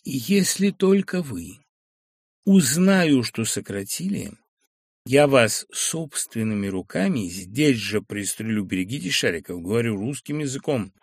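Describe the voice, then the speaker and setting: A resolute young doctor issues grim warnings in a forceful, gravelly voice, as a male reader plays him. The intonation swings widely, and the sound is dry and close. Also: medium pitch, animated, measured pace, dry recording. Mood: threatening. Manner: decisive, forceful.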